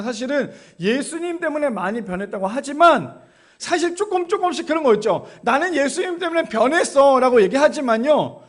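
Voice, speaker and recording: Male pastor, very high voice for a man; chatty sermon delivery, keeps turning questions to the congregation. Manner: conversational, asks the congregation rhetorical questions. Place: church.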